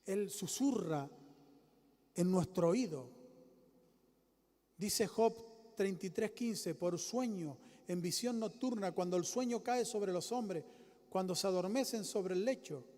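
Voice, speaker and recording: A man preaching a sermon with emphatic, repetitive lines that rise to loud exclamations and drop low again. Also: unhurried, big-room sound.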